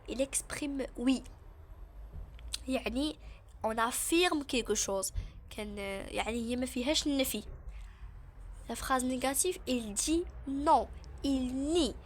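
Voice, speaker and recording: A young woman with a Moroccan accent, explaining a French grammar lesson and repeating key terms slowly. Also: high-pitched, fairly bright tone, slight background noise. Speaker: French teacher.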